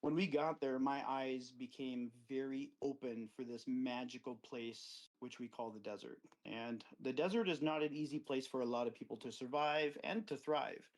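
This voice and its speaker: A man's voice: steady tone, moderate pace, few pauses, poor audio. Easygoing Wisconsin-raised man telling stories. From Wisconsin, USA. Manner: rambling, anecdotal, acts out quoted friends with livelier pitch. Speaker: guest, cactus grower. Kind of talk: relaxed storytelling in an interview. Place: outdoor desert garden.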